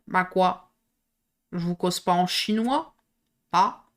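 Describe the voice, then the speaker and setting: Woman doing a hoarse old grumbling frog. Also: a bit bright. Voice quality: hoarse, low, drawling. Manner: slow and muttering, with folksy slang and wheezing "ouah" breaths.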